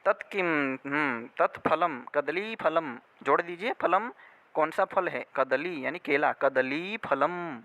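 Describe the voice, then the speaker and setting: Slow, bright-voiced male Sanskrit teacher. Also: a little high, expressive, slight background noise. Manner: slow, drawn-out model phrases with frequent check-ins. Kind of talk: spoken language lesson.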